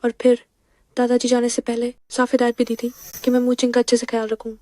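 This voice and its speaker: A woman dubbing a devoted young wife, worried and pleading. Her voice is high but flat and mellow. The recording sounds dry. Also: quick pace, no room sound, lightly acted. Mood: anxious. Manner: anxious, pleading. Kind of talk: Hindi dub of a drama.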